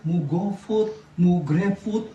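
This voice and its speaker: A middle-aged man preaching a sermon as pastor, lively, often asking the congregation questions. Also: high voice, slow, muffled recording, noisy background. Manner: lively preaching with wide swings in loudness, asks the congregation questions. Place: church. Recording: echoey church sound from a distance.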